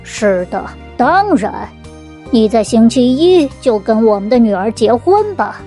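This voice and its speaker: A jovial, commanding storybook king, acted by a woman storyteller speaks with regal decision. The pitch is dropped below the narration, and music plays behind. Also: sing-song, measured pace, mellow. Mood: decisive.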